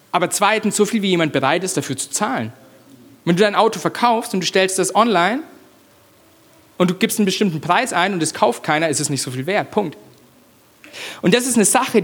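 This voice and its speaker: High-voiced male preacher in a reverberant hall. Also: fairly bright tone. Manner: emphatic, addresses the congregation directly with repeated phrases. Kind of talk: sermon. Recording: long reverb of a large hall.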